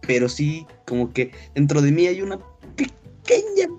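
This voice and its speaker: A man's voice: a little high, wildly swooping pitch, moderate pace, a little mellow, soft background music. A Mexican man co-hosting a casual podcast from home, joking in a crude, self-mocking way, wearing headphones on a call. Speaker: podcast co-host.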